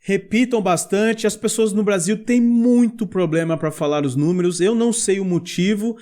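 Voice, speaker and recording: A man's voice: high-pitched, moderate pace, dark tone. A man with a Brazilian Portuguese accent teaching a video lesson, explaining step by step and asking viewers to repeat after him. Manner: explains step by step, asks for repetition. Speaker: English teacher.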